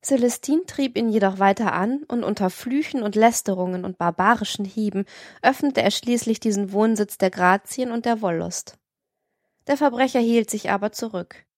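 A woman narrates an audiobook in a steady, measured reading. Her pitch sits in the middle and the recording is dry, with no room sound. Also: no echo. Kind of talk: scripted narration.

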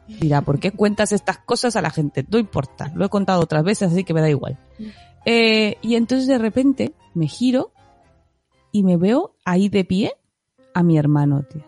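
A woman's voice: lowish voice, darkish tone. A woman co-hosting a podcast who chats casually, acts out scenes in her stories and laughs often. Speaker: podcast co-host. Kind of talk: casual chat, storytelling.

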